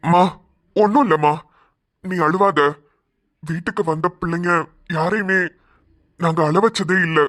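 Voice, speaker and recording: Gentle old granddad in a cartoon, kinda high voice, calm and soothing. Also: male voice, measured pace, long pauses. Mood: consoling. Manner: calm, consoling. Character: kindly forgiving grandfather, old man. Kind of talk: cartoon voice acting.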